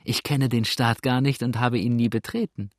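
A man's voice: mid-range voice, fairly even intonation, moderate pace, no room sound, clean studio sound, lightly acted. A man voicing a confused sick young woman. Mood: puzzled. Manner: soft, gently puzzled.

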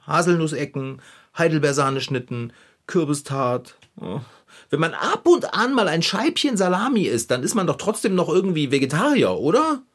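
A man playing an excitable, fussy, cake-loving character in a children's radio play, telling his woes dramatically. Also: on the high side, slightly rough. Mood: sulky. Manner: dramatic, flustered, whiny storytelling.

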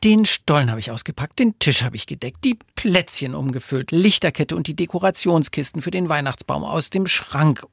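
Gravelly, flustered male radio host. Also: a little high, normal speed, few pauses, no room sound, studio quality. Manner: flustered, animated and stammering. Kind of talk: children's radio show.

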